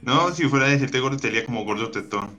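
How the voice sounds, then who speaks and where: A man's voice: medium pitch, animated, quick pace, pushed and bright, muffled recording, soft background music. A man co-hosting an online radio show, tossing back dry comebacks. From Colombia. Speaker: co-host. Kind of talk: casual joking chat.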